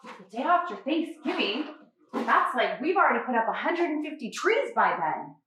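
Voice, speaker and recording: A woman's voice: sits high, very animated, moderate pace, a bit bright, heavy reverb, recorded from a distance, slight background noise, low-quality recording. A woman hosting a live decorating tutorial, chatty and bubbly, laughing often as she works. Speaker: holiday decorator and host. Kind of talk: live-stream tutorial chat. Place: decorating studio.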